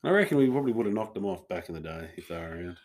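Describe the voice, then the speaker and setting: A woman's voice: rumbling low, expressive, very fast, a little mellow. An Australian woman co-hosting a podcast, skeptical and teasing in casual chat. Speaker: podcast co-host.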